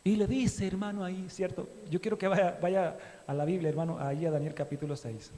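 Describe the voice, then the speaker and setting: A male pastor with a notably high voice preaches fervently to his congregation, his delivery rising to loud peaks and falling back to quiet asides. The sound hangs in a long, reverberant church hall. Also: fairly even intonation, fairly quick. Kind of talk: sermon.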